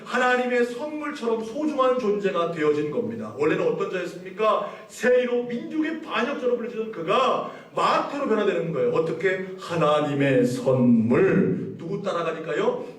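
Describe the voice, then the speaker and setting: In an echoey church sanctuary, captured by a distant mic, a male pastor questions his congregation and builds toward emphatic passages. His voice is high-pitched, fairly bright and very animated, moving quickly with few pauses.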